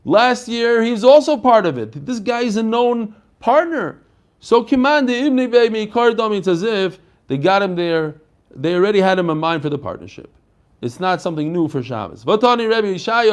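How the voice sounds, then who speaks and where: High-voiced man teaching Talmud. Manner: animated question-and-answer explaining, acting out dialogue; code-switching into Hebrew and Aramaic phrases. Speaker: rabbi teaching a daily Talmud class. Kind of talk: Talmud lesson, reading and explaining text.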